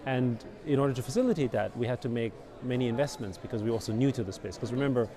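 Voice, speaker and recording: A middle-aged man from Austria speaks in an easy, meandering way, sprinkling "you know" through long answers. His pitch sits in an ordinary middle range. Clear crowd chatter carries in the background, as at a busy event. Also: rapid-fire. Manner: relaxed, rambling, many fillers like "you know" and "basically". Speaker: interview guest, company founder. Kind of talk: conversational interview. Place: outdoors at a busy conference venue. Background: crowd noise.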